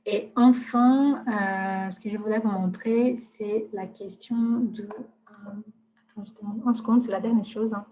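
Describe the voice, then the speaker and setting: Hesitant woman demoing software live. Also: medium pitch, fairly even intonation, a little slow, a little hiss or hum. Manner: hesitant, many fillers. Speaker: software presenter. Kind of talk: live webinar demo.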